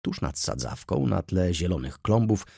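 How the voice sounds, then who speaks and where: A male narrator reading a classic novel aloud in a deep, husky voice. His pitch moves in lively curves as he tells the story at a measured pace. The recording is dry and close. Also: no echo. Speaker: audiobook narrator.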